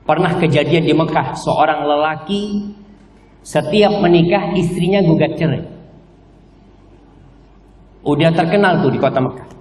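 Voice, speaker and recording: Animated man preaching in an echoey hall. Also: a little slow, pauses often, distant mic, a little hiss or hum. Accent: Indonesian. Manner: acts out wife and husband dialogue, soft low for wife, sharp high for husband. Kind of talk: lively mosque sermon.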